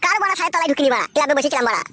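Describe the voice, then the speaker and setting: A woman's voice: high voice, expressive, rapid-fire, heavy background noise. A woman voicing a sullen, insolent young son in a comic skit, talking back.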